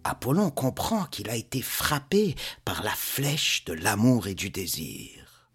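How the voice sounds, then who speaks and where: Brief: male storyteller, lively rising and falling voice, unhurried, guitar plays behind. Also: fairly low pitch, breathy edge. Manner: expressive, measured storytelling. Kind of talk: storytelling narration. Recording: narration over guitar music.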